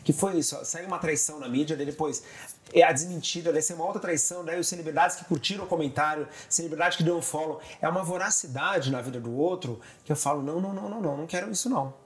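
A man in his forties, a guest TV director, telling stories in a casual, animated conversation. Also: fairly high pitch. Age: 40s. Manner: animated storyteller, rapid run-on phrasing.

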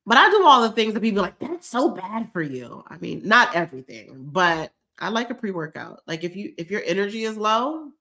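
Hosting a live stream, a teary woman vlogger chats casually and emotionally while reading viewer comments. Her medium-pitched voice swings widely in pitch and sounds pushed and bright, with vocal fry, a brisk pace and few pauses.

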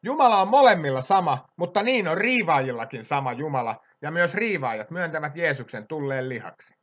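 A man preaching a sermon with passion, swinging between loud exhortation and quiet asides. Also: fairly high pitch, expressive.

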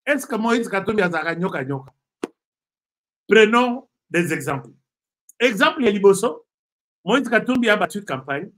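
This is a man with a Congolese accent and a rather high voice, talking casually as a political commentator. He often pauses on fillers and starts his sentences over, building his points step by step. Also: fairly bright tone. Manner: hesitant, many fillers and restarts.

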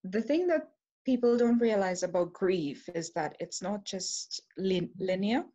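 Seated on a sofa at home in front of a laptop camera, a Trinidadian woman in her forties gives a personal testimony, earnestly reflecting on her life. Her mid-range voice is warm in tone and moves a little slowly, with a Trinidadian accent.

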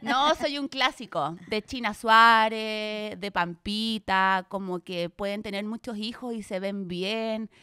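A Chilean woman co-hosting a podcast in casual chat, with quick reactions and laughing asides. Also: mid-range voice, pushed and bright, clean tone. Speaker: podcast co-host.

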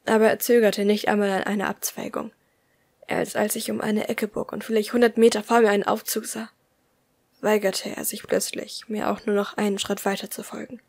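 A woman reading a first-person audiobook aloud in a soft, often hushed voice. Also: medium pitch, little pitch movement, a little fast, vocal fry, breathy edge. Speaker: audiobook reader.

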